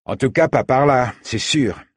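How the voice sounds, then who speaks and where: A man voicing an earnest, cautious boy who turns excitable. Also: mid-range voice, unhurried, slightly rough, dry recording, studio quality, voice pushed up.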